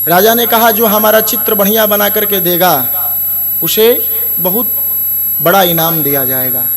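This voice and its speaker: High-voiced Hindi katha preacher. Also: male voice, a little slow. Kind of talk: devotional sermon with scripture recitation.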